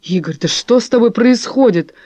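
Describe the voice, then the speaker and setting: A woman voicing a sharp-tongued wife who speaks forcefully and cuttingly. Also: a little high, animated, moderate pace, no echo, close to an everyday voice. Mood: indignant. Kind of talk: audiobook character voice.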